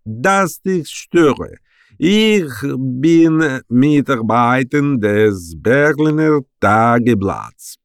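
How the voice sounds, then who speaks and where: A man doing a raspy foreign caller on the phone. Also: medium pitch, lively intonation, drawn-out words, no room sound, studio quality, voice pushed up. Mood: apologetic.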